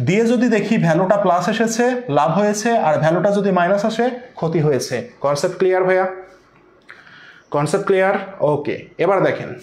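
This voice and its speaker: A male accounting teacher with a high voice lectures an online class. He repeats every step, asks the students rhetorical questions and answers them himself. The room around him is echoey. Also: quick pace, a little mellow. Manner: addresses students as brother.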